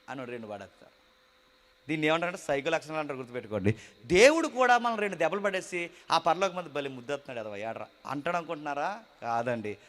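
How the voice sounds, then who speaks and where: A man preaching a sermon, swinging between loud exclaiming and low murmured asides.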